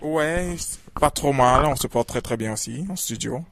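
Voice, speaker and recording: A man hosting a radio interview, talking with many halting fillers. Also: medium pitch, vocal fry, noisy background. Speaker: radio host.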